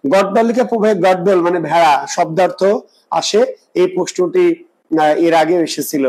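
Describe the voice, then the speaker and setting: A man's voice: high voice, normal speed, darkish tone, rough recording. A man teaching an exam preparation class, explaining step by step, repeating points and quizzing his students. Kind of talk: live online class lecture.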